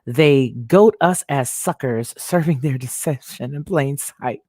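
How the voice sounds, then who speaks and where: A host on a livestream rambles along, restarting sentences and thinking out loud. They read out viewer comments and answer with quick yeses and mm-hmms. The voice sits at an ordinary mid pitch and sounds close and dry, with no room around it. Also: no echo. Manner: talks back to chat with quick affirmations. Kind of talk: casual livestream talk, reading viewer comments aloud.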